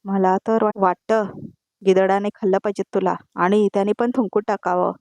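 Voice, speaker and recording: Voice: mid-range voice, moderate pace, dry recording, close to an everyday voice. A narrator voicing a defiant servant woman. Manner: read out flatly within the recap. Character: defiant maidservant woman turning on her mistress.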